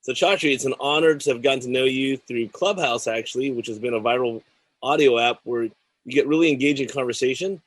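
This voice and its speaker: A man's voice: mid-range voice, no room sound, rough recording. A man hosting a tech talk show, reading news items and then interviewing a guest. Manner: measured, reads news items then chats. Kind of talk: scripted news segment and interview.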